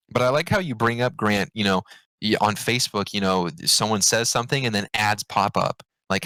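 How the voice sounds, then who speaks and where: A man co-hosting a podcast in casual chat, animated, with sudden excited jumps in pitch. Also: no echo, rough recording. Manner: animated, loud outbursts, swings up in pitch when excited. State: hiccups. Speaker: podcast co-host.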